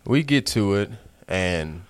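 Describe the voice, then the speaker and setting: Young male co-host, very deep voice, dry close sound, easygoing storyteller, faint music. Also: expressive, slow pace, clean tone, no room sound. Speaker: podcast co-host. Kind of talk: casual storytelling on a podcast.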